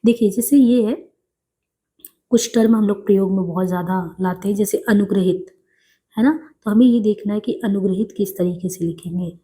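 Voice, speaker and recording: A woman's voice: mid-range voice, normal speed, dark tone. A woman teaching correct Hindi spelling for exam preparation, patiently repeating each word and checking in with her students as she goes. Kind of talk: exam-prep spelling lesson.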